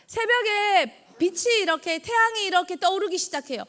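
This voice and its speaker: Bright, high-voiced woman preacher. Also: expressive, normal speed. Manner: quizzes the children and echoes their answers; acts out God's words in quoted lines. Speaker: junior evangelist. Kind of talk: children's sermon.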